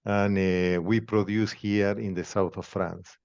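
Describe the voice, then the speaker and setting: A man's voice: lowish voice, fairly even intonation, a little mellow. Argentine-accented man, muffled call audio. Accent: Argentine Spanish. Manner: measured, non-native phrasing with pauses. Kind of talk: conversational interview.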